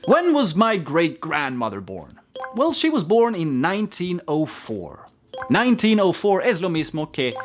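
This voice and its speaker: Playful teacher drilling numbers slowly. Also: male voice, fairly high pitch, a bit bright. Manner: playful, drills numbers slowly and clearly, jokes between examples. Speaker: English teacher. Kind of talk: upbeat video lesson.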